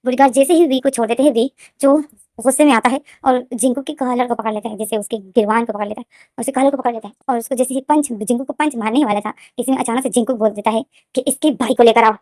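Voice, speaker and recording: A woman retelling a fan fiction story in a casual, fast, repetitive way, often restarting her sentences. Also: a little high, fairly even intonation, darkish tone, no echo, studio quality.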